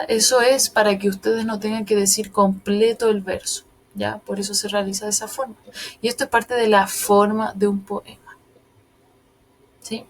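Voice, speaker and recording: A woman's voice: fairly high pitch, a little hiss or hum. Patient woman teaching a lesson. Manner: patient, explains step by step, often checks understanding. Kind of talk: recorded online lesson.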